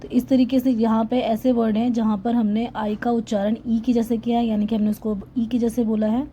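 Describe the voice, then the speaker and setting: A woman's voice: fairly high pitch, flat delivery, fairly quick, warm tone, highs cut off, slight background noise. A woman teaching English pronunciation in a lesson voice-over, spelling words letter by letter and then sounding them out.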